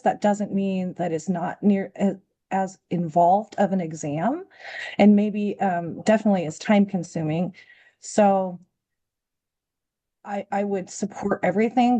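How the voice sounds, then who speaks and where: A woman's voice: mid-range voice, mellow. A woman giving informal remarks as a committee member in an online meeting, in a tentative, hedging way.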